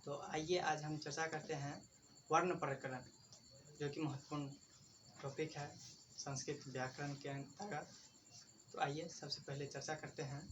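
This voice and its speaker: A man teaching grammar in a video lesson. He asks questions and answers them himself, repeats key points, and calls his listeners friends. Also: a little high. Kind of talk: classroom-style video lesson. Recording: distant mic with faint background noise.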